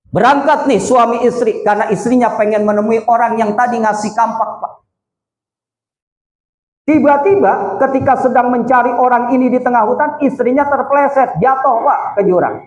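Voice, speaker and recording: High-voiced joking male preacher, echoey hall. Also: normal speed. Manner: joking storyteller, asks the crowd questions. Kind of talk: wedding sermon. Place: hall with audience.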